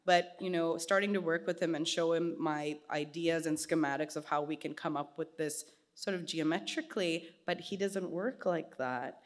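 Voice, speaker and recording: Speaking into a stand mic on stage in a small indoor gallery, a woman in her thirties, an artist guest, talks in a slightly low voice. The conversation is casual, and she tells her stories animatedly, gesturing a lot and doing quick voices for the people she quotes.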